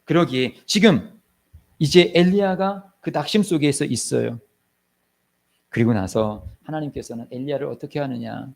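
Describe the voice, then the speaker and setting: A man preaching a sermon as pastor in a church, swinging between loud calls and hushed, near-whispered lines, and acting out short prayers and scenes. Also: mid-range voice, normal speed, creaky.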